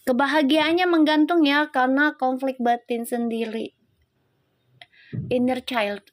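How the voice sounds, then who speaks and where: A woman with a high, bright voice runs a live tarot stream. She chats easily and teases her viewers, calling them out by name as she talks through the cards. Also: fairly even intonation, measured pace. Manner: chatty, teasing, greets viewers by name. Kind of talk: casual live-stream chat and tarot reading.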